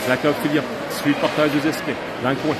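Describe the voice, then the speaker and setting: A man with a Quebec French accent giving excited live hockey commentary, following the play in short phrases with his voice rising at chances. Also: on the high side, fast. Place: at a hockey game, in the arena. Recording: noisy rink, loud crowd and ambience.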